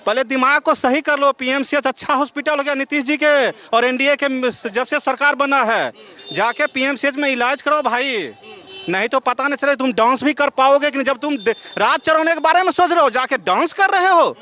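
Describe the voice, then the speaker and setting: A man's voice: very high-pitched, moderate pace, bright, forceful tone. A man, a member of the public speechifying in a mocking, emphatic way in a street vox pop outdoors.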